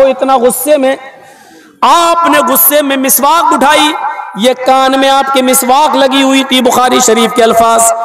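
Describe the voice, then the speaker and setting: A man preaching a dramatic sermon, telling a story and acting out the voices in it. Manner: dramatic, swings from shouts to low acted voices. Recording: echoey hall sound.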